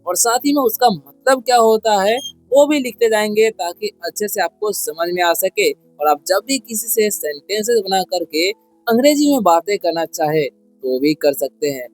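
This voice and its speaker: A man with a high voice gives a beginner's English lesson. He keeps asking his own questions and answering them, repeating every point patiently. Soft music plays faintly behind him. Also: animated, normal speed. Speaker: English teacher.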